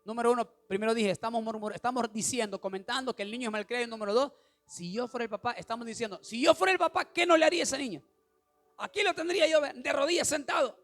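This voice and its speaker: A male pastor preaches with a strikingly high voice, asking his congregation questions and building up to shouted lines. Faint music plays behind him. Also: quick pace. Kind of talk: sermon.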